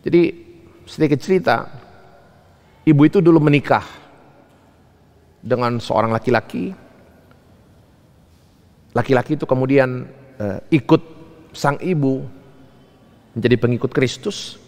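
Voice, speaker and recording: A man's voice: medium pitch, unhurried, pauses often, darkish tone, long reverb tail. A man preaching a sermon as a pastor, telling stories and acting out the dialogue with rising emphasis. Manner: storytelling, acts out quoted dialogue with rising emphasis. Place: church.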